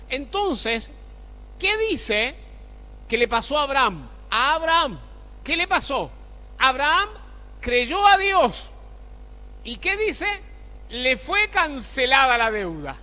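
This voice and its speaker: A male pastor with a high voice delivers a sermon in a lively, sharp tone. He repeatedly poses rhetorical questions to the congregation, and his voice resounds in a church hall with long reverb.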